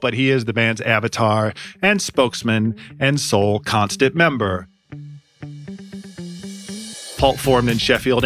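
A man's voice: medium pitch, a bit bright. A man hosting a music podcast, reading scripted commentary with dry, wry, sardonic asides into a close studio mic. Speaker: podcast host.

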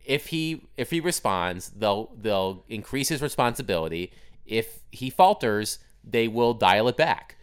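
A man appearing as a guest reporter on a sports podcast, speaking in a measured, plain way. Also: on the low side, animated, smooth. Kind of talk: casual sports podcast chat.

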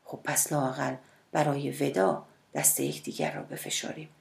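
A woman narrator voicing a shy, hesitant middle-aged male cellist who speaks in a hushed, timid way in an audiobook. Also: a bass voice, fairly even intonation, gravelly, exaggerated voice. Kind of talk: audiobook character voice.

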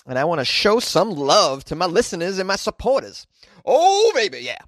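A man's voice: high voice, sing-song, moderate pace, fairly bright tone, no echo, clean studio sound. Jokey man recording inside a closet. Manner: wry, rambling, self-described overly caffeinated. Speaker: comedian podcast host. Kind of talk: jokey solo news commentary.

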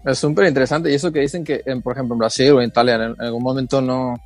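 Casting: man, Latin American accent, medium pitch, emphatic casual co-host, dry close sound. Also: fairly even intonation, very fast, darkish tone, no room sound, faint music behind. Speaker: podcast co-host. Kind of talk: casual chat.

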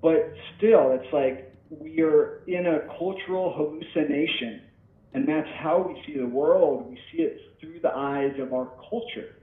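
A man's voice: on the high side, measured pace. A man in his thirties, a podcast guest in casual talk, rambling and reflective with many restarts, heard over the phone. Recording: tinny, echoey phone line.

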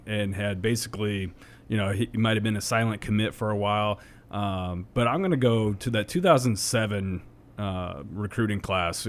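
A man co-hosting a casual sports talk show, speaking haltingly with many fillers and restarts. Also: fairly low pitch. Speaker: co-host.

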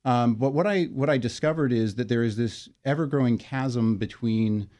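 A man being interviewed as a guest, explaining his work in a measured way with frequent fillers and restarts. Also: medium pitch, mellow. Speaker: interview guest, financial wellness company leader. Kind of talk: conversational interview.

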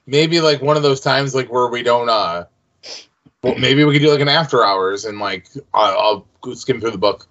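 A man's voice: mid-range voice, normal speed, fairly bright tone. A man co-hosting a podcast, chatting casually and jokingly about a sitcom episode. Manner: jokey, slips into playful mock voices. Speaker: podcast co-host. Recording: slightly dull lo-fi sound.

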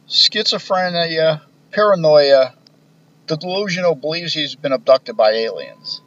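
Wry, profane ex-cop telling stories. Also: male voice, a little high. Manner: profane, wry, deadpan storytelling with quoted dialogue. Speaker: retired police officer telling stories. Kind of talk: casual storytelling. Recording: dull lo-fi podcast recording, faint hiss.

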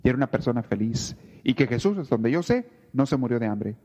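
A man preaching a sermon in a church, animated and often acting out people's complaints. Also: mid-range voice, quick pace. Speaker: priest. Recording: reverberant lo-fi church recording.

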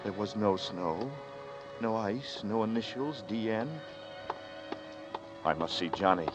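In a 1940s-style radio drama, an actor voices a dazed man who is both narrator and lead, recounting his own ordeal in a tense, brooding way. His fairly low voice moves slowly, and the recording sounds like a muffled old radio broadcast with music.

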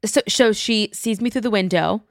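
A woman's voice: medium pitch, no echo, studio quality. A woman co-hosting a podcast, chatting casually and telling stories animatedly, laughing often. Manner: animated storyteller, quick to laugh. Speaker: podcast co-host. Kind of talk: casual chat.

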